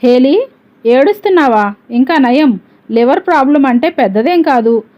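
A woman's voice: sits high, expressive, moderate pace. A woman reading the part of a young woman in a spoken story, asking eager questions and soothing her lover, on a dull lo-fi recording. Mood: consoling.

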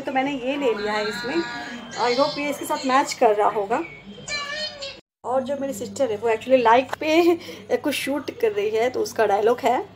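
A woman with a Bengali accent vlogging casually at home, talking fast and chatty with many fillers. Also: sits high. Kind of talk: casual vlog to camera. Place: at home, hot room with fan running.

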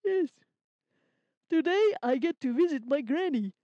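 A woman's voice: high-pitched, animated, unhurried, warm tone, dry recording. A woman voicing a cheerful, earnest young male rabbit in a children's puppet story, speaking in simple, careful sentences. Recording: slightly dull lo-fi sound.

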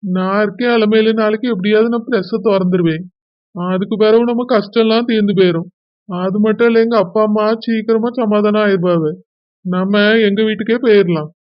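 A woman's voice: mid-range voice, steady tone, a little fast, dry recording, muffled recording, close to an everyday voice. A woman voicing a young village husband with a Kanyakumari accent, pleading and blaming himself in a village drama. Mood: reassuring. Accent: Kanyakumari Tamil. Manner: pleading, self-blaming lament. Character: young village man, remorseful, tender to wife.

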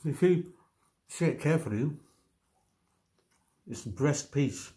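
Slow-talking man chatting while eating. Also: a little high, expressive, mellow. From United Kingdom. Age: 30s. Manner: talks while eating, in short murmured remarks with pauses. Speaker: mukbang vlogger. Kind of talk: casual eating commentary. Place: indoors in a home kitchen-diner. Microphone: camera on the table at about arm's length.

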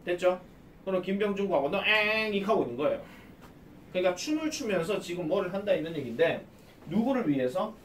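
A man's voice: sits high, very animated, fast, darkish tone, a little hiss or hum. A man teaching a class in a classroom and explaining a reading text, who keeps asking students questions and answering them himself. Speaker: academy English teacher. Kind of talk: classroom lecture. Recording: echoey classroom, from a distance.

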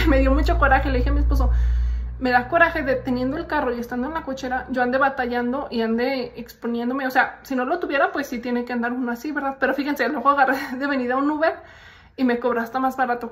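A young Mexican woman with a Mexican accent, chatting casually to her followers and telling stories with frequent laughs. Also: sits high. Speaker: vlogger. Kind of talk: casual chat.

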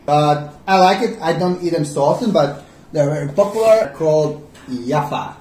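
A man with a Croatian accent chatting casually, easygoing and halting with fillers. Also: on the high side, darkish tone, far from the mic. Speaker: vlog co-host. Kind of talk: casual chat. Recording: echoey room, slightly off-mic.

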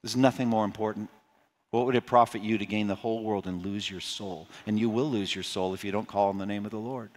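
A man preaching an expository sermon as pastor. He swings between loud, rising emphasis and quiet, pleading appeals. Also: fairly even intonation, fast. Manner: impassioned preaching, rising loud on key points and dropping low to plead. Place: church sanctuary. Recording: long hall reverb.

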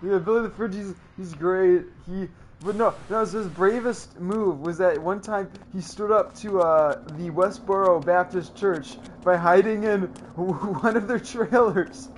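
A young man giving casual, slangy gameplay commentary, excitable and full of playful mock bravado. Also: high voice, unhurried, hardly any pauses, slight background noise. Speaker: let's play gamer. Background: video game music and sounds.

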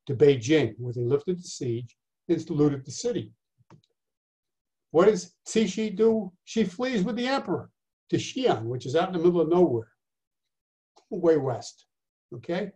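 An older man teaches over a video call, his voice sitting a little high for a man. He is chatty and wry, asking rhetorical questions and tossing in dry asides as he walks through his notes. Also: darkish tone. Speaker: instructor. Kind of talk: lifelong learning history lecture over video call.

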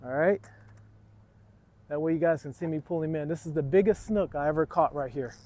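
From a waterfront dock, a middle-aged man hosts an outdoor fishing vlog, chatting casually and calling his viewers "guys." His voice is on the high side, brisk and dark-toned. He's filmed on a tripod camera, sometimes held selfie-style.

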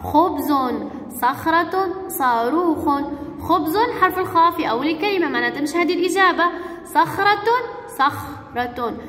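High-voiced woman teacher, echoey room. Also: lively intonation, a bit bright. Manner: slow, patient, repeats and stretches out each word. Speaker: kindergarten teacher. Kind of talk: recorded alphabet lesson for young children. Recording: echoey room with long reverb.

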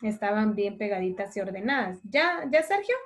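Over a video call, a woman teaches a primary class, patient and affectionate, with a medium-pitched, sing-song voice. She dictates words slowly and clearly.

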